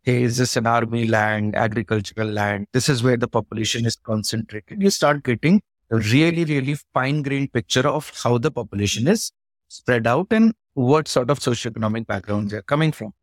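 A man's voice: mid-range voice, a little fast, no room sound. Articulate Indian-accented man, dry close sound. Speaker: company founder being interviewed. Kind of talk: explanatory interview talk.

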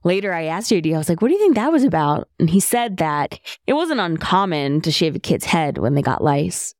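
Lively woman podcast host. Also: lowish voice, a little fast, no echo, clean studio sound. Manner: lively, laughs easily. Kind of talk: storytelling and podcast intro. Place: bedroom at home.

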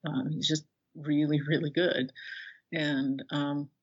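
Low-voiced, with a flat delivery and a breathy edge, a middle-aged woman discusses her work as an author and illustrator in a casual, lo-fi, slightly dull-sounding interview. She moves through her thoughts haltingly and conversationally, frequently restarting sentences partway.

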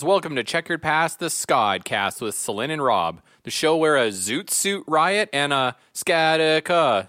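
On his casual chat podcast, this host's fairly high voice comes across pushed and bright. The recording is dry and studio clean.

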